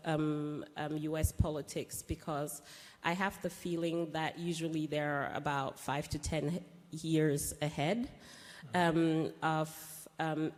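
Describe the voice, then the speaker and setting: A woman from Cameroon speaking on a panel, hesitant with many pauses and fillers, then emphatic. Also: lowish voice, darkish tone. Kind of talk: panel discussion. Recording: reverberant hall recording.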